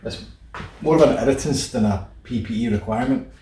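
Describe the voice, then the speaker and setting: A man's voice: mid-range voice, fairly quick, loud music behind the voice. A man building a kit car in his garage workshop, thinking aloud, muttering and self-deprecating, with a curse under his breath now and then.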